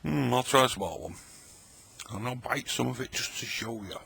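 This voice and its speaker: A man's voice: mid-range voice, animated, normal speed, vocal fry, pushed and bright, a little hiss or hum. A middle-aged man, chatting and joking in a rambling way while tasting old tinned food at his table late at night. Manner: chatty, rambling, jokey, talks while eating. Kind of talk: casual late-night vlog talk.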